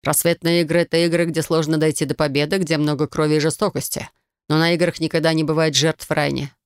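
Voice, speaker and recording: A woman reading an audiobook and voicing a stern, dismissive male warlord with measured, clipped refusals in a dry, close sound. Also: low-pitched, level tone, clean tone, no echo. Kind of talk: audiobook narration.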